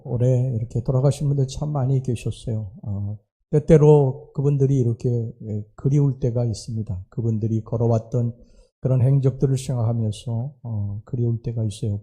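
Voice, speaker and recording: A male pastor preaching a Sunday sermon in a church. His voice is very dark and mellow, with a husky, breathy edge. He speaks slowly and earnestly, pausing often between phrases. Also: mid-range voice. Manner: slow, earnest preaching with pauses and hesitations. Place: church sanctuary.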